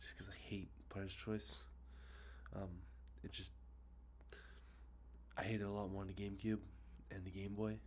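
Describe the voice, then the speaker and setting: A man with nasal congestion and frequent sniffles hosts an ASMR show-and-tell of his video game collection outdoors, with traffic close by. His low-pitched voice is flat and moves at a normal speed, and he rambles with many fillers, correcting himself often. Slight background noise is present.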